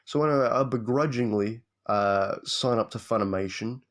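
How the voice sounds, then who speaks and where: A young man telling a story as a casual, profane rant, swearing constantly and animated. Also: medium pitch, normal speed. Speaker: vlogger.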